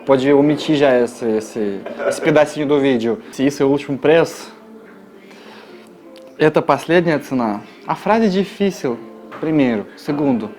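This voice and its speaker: A man with a Russian accent, a native Russian speaker, teaching tourist phrases in a joking, casual way and repeating each word slowly. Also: on the high side, a little mellow. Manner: joking, slow repeated model words. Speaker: language guide.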